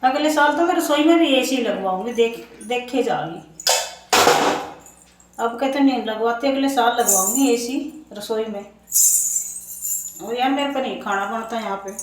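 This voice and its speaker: A young woman vlogging casually from her hot home kitchen, hoarse and unwell, chatting and complaining straight to her viewers. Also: fairly high pitch, moderate pace, long pauses. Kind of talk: casual chat to camera. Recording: echoey room, faint noise.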